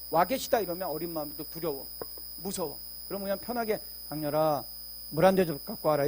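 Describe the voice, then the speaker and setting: High-voiced man preaching an animated testimony. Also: a little hiss or hum. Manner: animated storytelling, swings between loud proclaiming and quiet confiding. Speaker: guest speaker giving a testimony. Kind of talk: church testimony sermon. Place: church sanctuary.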